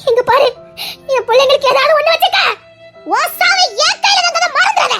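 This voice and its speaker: A woman's voice: extremely high pitch, expressive, fairly quick, faint music behind, full character voice. A woman voicing a fierce, protective middle-aged village mother in an audio drama, who scolds, curses and sobs. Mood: threatening. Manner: scolding, shouting, cursing, sobbing. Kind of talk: Tamil audio drama acting.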